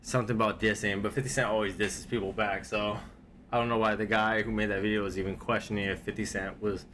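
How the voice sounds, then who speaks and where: A man's voice: fairly low pitch, level tone, fast, fairly bright tone, a little hiss or hum. Laid-back rambling man reacting to clips. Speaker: reaction video host. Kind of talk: casual reaction commentary.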